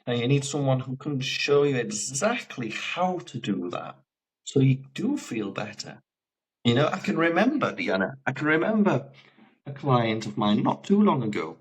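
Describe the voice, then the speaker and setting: British man, life coach, animated storytelling, acts out dialogue, video call. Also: mid-range voice, normal speed, rough recording. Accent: British English. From England. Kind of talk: conversational storytelling.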